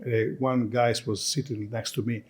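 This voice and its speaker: Italian-accented man, conference lecture, halting repeats, breathy voice, dark soft tone. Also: medium pitch, little pitch movement. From Italy. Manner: halting, restarts and repeats words, non-native grammar. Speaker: conference presenter. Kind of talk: lecture presentation.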